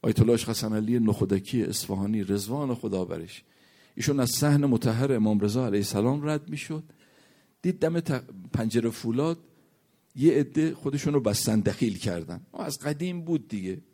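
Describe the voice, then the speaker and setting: A man's voice: expressive, warm tone. A man preaching a sermon, reciting Arabic verses and hadith and telling a story, his voice rising and sinking to a near whisper. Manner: rises and falls in pitch, drops to a near whisper at points.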